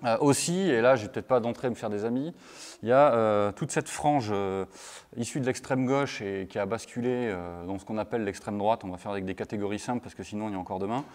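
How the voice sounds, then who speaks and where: A man's voice: lowish voice, quick pace, a little mellow. A man giving a conference talk, hesitant, with many fillers and restarts. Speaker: lecturer. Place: conference hall. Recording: long hall reverb.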